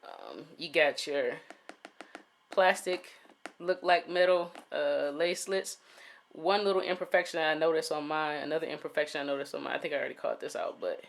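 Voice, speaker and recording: A man's voice: on the high side, normal speed, vocal fry, slight background noise. A man giving a casual sneaker review, laid-back and full of "um" fillers, talking straight to his viewers. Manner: laid-back, many "um" fillers, talks to "you guys".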